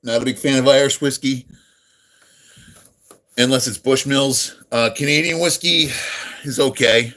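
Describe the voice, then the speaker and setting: On a casual live stream, a middle-aged man from near New York in the United States greets viewers and responds to their messages, rambling amiably with lots of ums and uhs. He speaks unhurriedly in a mid-range, bright and forceful voice of full radio-style quality, his intonation fairly even and pauses frequent.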